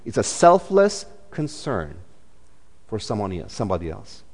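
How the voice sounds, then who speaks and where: A man's voice: lowish voice, wildly swooping pitch, normal speed, a little mellow, husky, long reverb tail. A man, preaching a sermon in a chatty way, full of fillers and restarts. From Romania. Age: 40s. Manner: conversational, many fillers and restarts. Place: church.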